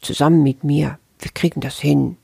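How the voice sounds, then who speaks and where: A speaker voicing the ego as an inner voice that first whines with self-doubt, then coaxes and flatters. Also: mid-range voice, moderate pace, creaky, husky, no room sound. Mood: coaxing. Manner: whiny self-doubt turning to coaxing flattery.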